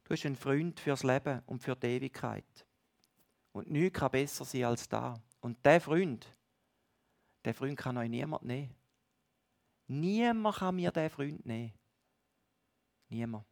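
A man preaching a sermon, speaking directly to his listeners and moving between loud stresses and hushed lines. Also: medium pitch, animated, a little slow, gravelly, pauses often.

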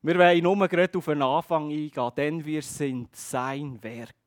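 A man preaching a sermon, earnest, speaking straight to his congregation and slowing on key phrases. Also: fairly high pitch, steady tone, dry recording, studio quality. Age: adult with a child.

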